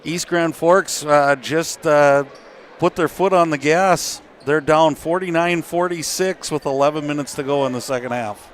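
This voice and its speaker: A man giving relaxed, folksy color commentary and score updates during a basketball broadcast. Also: a little high, unhurried, slight background noise.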